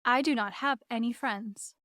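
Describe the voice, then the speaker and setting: A reader voicing Roz, a polite female robot who speaks in plain, literal, evenly measured sentences for an audiobook. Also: fairly high pitch, a bit bright, no echo, clean studio sound, lightly acted. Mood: calm literal. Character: calm polite female robot, learning to be friendly. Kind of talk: audiobook character voice.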